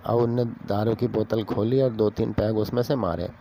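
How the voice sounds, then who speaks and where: A man's voice: on the low side, level tone, moderate pace, mellow, slight background noise. A man casually telling an office story aloud, acting out the characters' dialogue in a chatty way. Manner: chatty, acts out dialogue with raised voice.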